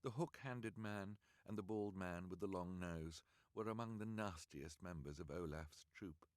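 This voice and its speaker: A man reading an audiobook aloud on a livestream, in an expressive, measured way. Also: low-pitched, dry recording, clean studio sound. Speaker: audiobook reader.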